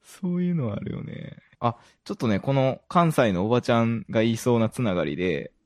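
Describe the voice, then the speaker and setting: A man's voice: medium pitch, expressive, brisk, darkish tone. A man with an Osaka-area Kansai accent chatting casually and giggly as a podcast host. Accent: Kansai (Osaka-area) Japanese. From Kansai, Japan. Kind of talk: casual chat.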